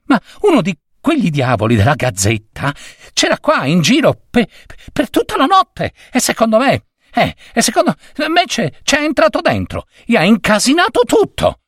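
Brief: frantic young print-shop lad, high-pitched and stumbling over his words, put on by a male storyteller, in a storybook reading. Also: huge pitch swings, normal speed, a bit bright, no echo, clean studio sound, heavily acted. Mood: panicked. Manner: stammering, breathless, high and frantic.

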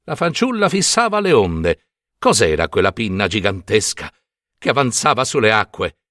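Brief: bright-voiced male storyteller, dry close recording, dramatic reading. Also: on the low side, normal speed, no room sound. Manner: expressive, animated delivery.

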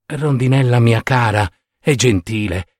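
A man voicing a sorrowful, gentle prince. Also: mid-range voice, a little slow, no echo, clean studio sound, natural voice. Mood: tender. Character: sad, kind statue prince, gentle and giving.

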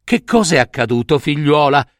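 A man doing a slow, kindly old crone. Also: on the high side, animated, no room sound, studio quality, natural voice. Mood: gentle. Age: older. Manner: slow, soothing, instructive. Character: kindly old woman, wise helper.

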